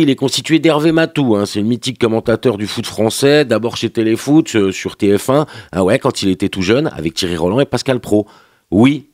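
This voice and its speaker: Male radio columnist, French accent, rapid mocking delivery, dry close studio sound. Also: mid-range voice, darkish tone, dry recording. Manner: sarcastic, slangy and mocking. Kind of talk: opinionated TV review on morning radio. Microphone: studio microphone.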